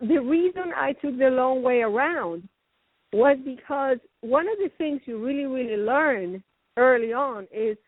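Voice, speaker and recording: A middle-aged guest actress whose voice sits high chats casually in an interview, rambling and laughing often; she was raised in Venezuela and Canada. There's no room sound, and her voice comes through a tinny phone line.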